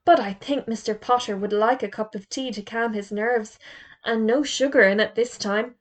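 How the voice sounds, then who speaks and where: A woman's voice: a little high, fairly even intonation, normal speed, lightly acted. Woman doing a cheeky schoolboy, firm and sure of himself. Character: bold confident schoolboy.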